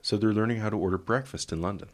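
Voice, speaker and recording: A man's voice: on the low side, very fast. A man hosting a casual language lesson podcast with wry, easygoing commentary. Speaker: host.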